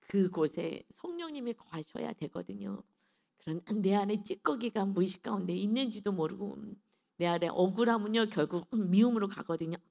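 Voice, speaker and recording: A woman's voice: medium pitch, lively intonation, normal speed, creaky, a little mellow, dull audio. A woman pastor giving an early-morning devotional sermon, telling a personal story with feeling and voicing her own inner thoughts.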